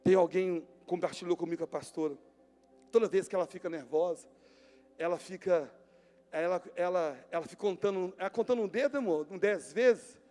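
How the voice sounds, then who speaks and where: A man preaching a sermon as pastor, emphatic, swinging between near-shouts and hushed tones. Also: high-pitched, moderate pace. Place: church hall. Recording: long church-hall reverb with music behind.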